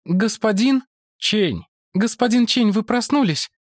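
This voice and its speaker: A man's voice: high voice, animated, a little slow, no echo, clean studio sound, pitched above the performer's own voice. A man voicing a stern, composed woman who leads a space rescue squad, in a formal, clipped manner. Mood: alarmed.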